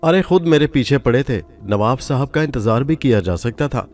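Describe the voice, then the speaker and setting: A man voicing a hot-tempered older head of household who scolds in a gruff, barking way. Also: mid-range voice, animated, moderate pace, a little mellow, lightly acted. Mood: angry.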